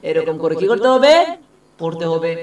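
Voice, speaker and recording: A man teaching Quran reading, spelling out words letter by letter, asking questions and answering them himself, and slowly chanting the verses. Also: a little high, animated, a little mellow, echoey room, far from the mic. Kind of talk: spelling out a recitation lesson.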